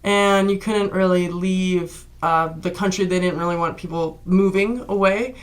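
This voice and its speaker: A woman's voice: fairly low pitch, steady tone, measured pace. A woman in her thirties, born in Hungary, telling stories in a chatty, upbeat way as an interview guest. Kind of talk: casual interview talk.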